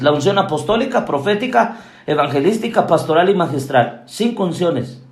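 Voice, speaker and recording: A man preaching a sermon as an apostle, forceful and emphatic. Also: high voice, reverberant.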